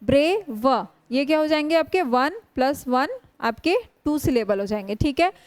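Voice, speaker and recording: High-voiced woman teaching English grammar. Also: lively intonation, no echo. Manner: slow, drawn-out spelling of English words; frequent rhetorical questions to students. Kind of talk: classroom lecture.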